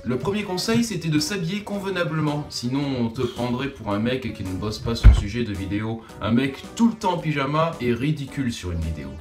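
A man's voice: medium pitch, expressive, fairly quick, hardly any pauses. A young man from France giving scripted, self-deprecating narration for his own short film. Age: young adult. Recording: roomy, distant voice-over under music.

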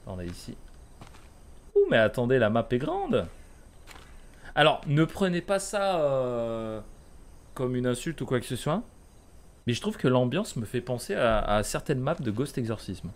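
A man's voice: medium pitch, sing-song, a little slow, pauses often. A man in his thirties casually commenting live on a horror game and chatting with his viewers, muttering to himself with bursts of exclamation. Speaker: streamer playing a horror game. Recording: clearly noisy, game ambience behind. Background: horror game ambience.

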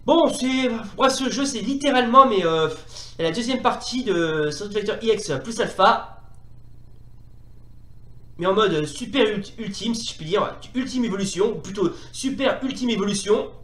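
Excitable man, echoey room. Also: high-pitched, moderate pace. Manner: excitable, exclaims often, laughs, repeats himself. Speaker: retro game reviewer. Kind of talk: playing while commentating.

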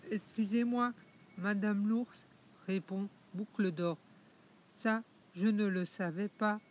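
A polite, curious little girl speaking sweetly and slowly in a storybook, as a woman reading aloud voices her. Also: mid-range voice, steady tone, darkish tone, close to an everyday voice.

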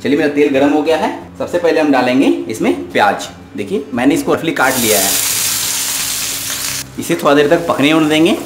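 A man's voice: on the high side, animated, a little fast, soft background music. A man hosting a cooking show, patiently talking viewers through a recipe step by step as he cooks at home. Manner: patient, instructive, addresses viewers directly. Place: home kitchen at the stove.

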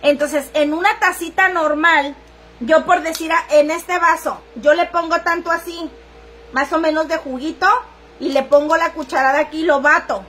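Chatty high-voiced woman livestreaming. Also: fairly even intonation, moderate pace, fairly bright tone, soft background music. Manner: earthy, crude, chatty, reads viewers' comments aloud. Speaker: livestream seller. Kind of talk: casual livestream chat.

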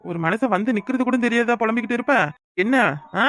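A woman voicing a gruff, short-tempered village husband. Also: on the high side, fast talker, natural voice. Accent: southern Tamil, Kanyakumari. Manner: gruff and demanding, snaps orders. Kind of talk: cartoon voice acting.

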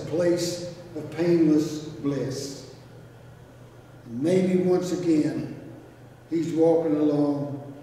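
An older man gives a graveside eulogy as a pastor, speaking in a folksy, plain-spoken way with long pauses. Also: on the high side, mellow. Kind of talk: graveside funeral eulogy and sermon. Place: outdoor graveside service, recorded from a distance. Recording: echoey, noisy, captured from far off.

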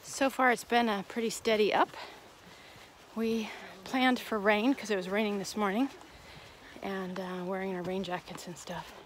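A woman's voice: mid-range voice, normal speed, low-quality recording. A woman narrating her hike in a matter-of-fact, casual way while walking through a forest. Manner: plain, matter-of-fact trail commentary. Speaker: hiking vlogger. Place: outdoors in a rainy forest. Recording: outdoor recording with steady rain noise. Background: rain.

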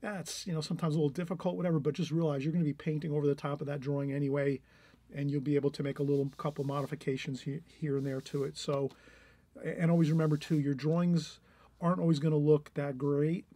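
Middle-aged guy walking you thru a painting, kinda husky, mellow, chatty and encouraging. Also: on the high side, level tone, quick pace. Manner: encouraging, rambling, many restarts. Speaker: art teacher. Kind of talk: painting tutorial, thinking aloud while drawing.

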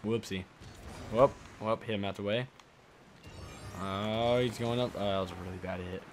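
A young man giving casual, excitable commentary while playing a game, swearing and shouting at plays. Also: fairly low pitch, normal speed, noisy background. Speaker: gameplay streamer.

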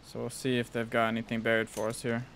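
A man's voice: medium pitch, monotone, fast, gravelly, fairly bright tone. Bro-ish young man over background noise. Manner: bro-ish slangy talk, swearing, hyped frat-bro address. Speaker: gaming video host. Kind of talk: casual gameplay commentary.

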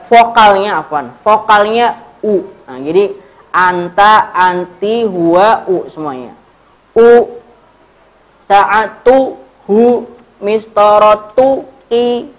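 A young man with an Indonesian accent and a high-sitting voice teaches Arabic grammar, walking through it step by step and quizzing his students.

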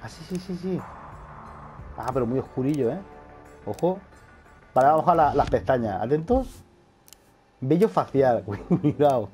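A man's voice: mid-range voice, measured pace, pauses often, soft background music. Laughing Spanish man playing a game. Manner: excitable, laughs often, swears casually. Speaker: gaming youtuber. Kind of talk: casual gameplay commentary.

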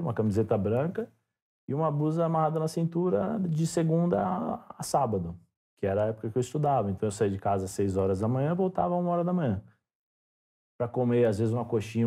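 Animated Brazilian man telling stories. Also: medium pitch, slightly rough. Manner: animated storyteller, acts out dialogue. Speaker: podcast guest, former footballer. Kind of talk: casual storytelling interview.

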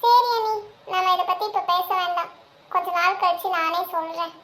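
A woman plays a playful cartoon younger sister who teases and reassures in a bright, very high voice. A faint hiss runs underneath. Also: moderate pace. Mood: hesitant. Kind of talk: cartoon voice acting.

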